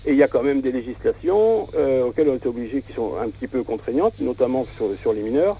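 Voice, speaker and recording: A man calling in to a radio interview as a campsite organizer, halting and repeating his words as he explains. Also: medium pitch, animated, vocal fry, breathy edge, muffled recording. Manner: hesitant, repeats words often. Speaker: campsite organizer, phone guest.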